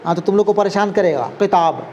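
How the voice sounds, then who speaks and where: A man's voice: high voice, fast, darkish tone, muffled recording. A man stands before his class. He explains patiently and keeps asking whether the students follow. Faint room noise sits behind him. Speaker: Urdu teacher. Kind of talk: classroom lesson.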